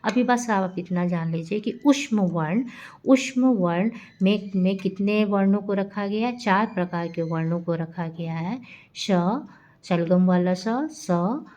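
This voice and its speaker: Slow, mellow-voiced woman teaching. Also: medium pitch. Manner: explanatory, repeats points and checks with "theek hai". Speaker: Hindi teacher. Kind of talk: recorded classroom lesson.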